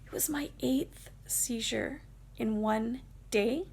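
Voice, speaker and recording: A woman's voice: fairly high pitch, slow, creaky, darkish tone, husky. A woman vlogger telling a personal story in a casual, rambling, emotional way, with many fillers.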